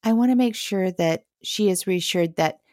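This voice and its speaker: A woman's voice: mid-range voice, normal speed, darkish tone, no echo, clean studio sound. A woman hosting an interview, listening with frequent agreement and asking her guest questions. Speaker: interview host. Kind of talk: conversational interview.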